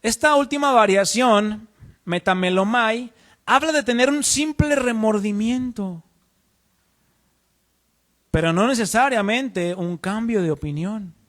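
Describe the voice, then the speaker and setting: A man's voice: high voice, lively intonation, a little slow, long pauses, a bit bright. A man preaching a teaching sermon in an earnest, explanatory way, asking the congregation questions. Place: church.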